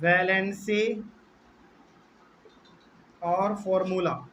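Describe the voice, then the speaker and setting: Male teacher, young, very high bright voice, classroom lecture, repetitive and drawn-out, faint room noise. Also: little pitch movement. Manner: repetitive, drawn-out, checks in with students. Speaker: chemistry teacher. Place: classroom with live and online students.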